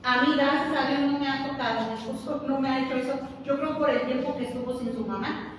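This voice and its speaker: High-voiced woman preaching in an echoey hall. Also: fast, slight background noise. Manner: lively, humorous, acts out little scenes. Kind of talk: sermon. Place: church. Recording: echoey church hall, mic far off.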